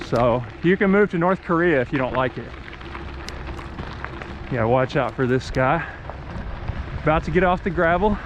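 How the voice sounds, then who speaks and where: A man's voice: on the high side, animated, normal speed, long pauses. A middle-aged American man rambling casually as he narrates a bike ride outdoors, his plainspoken voice muffled by a cloth face covering. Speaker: cyclist vlogger. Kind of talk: casual narration while riding a bicycle. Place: outdoors on an open rural gravel road. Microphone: action camera worn while riding. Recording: loud wind noise on action camera.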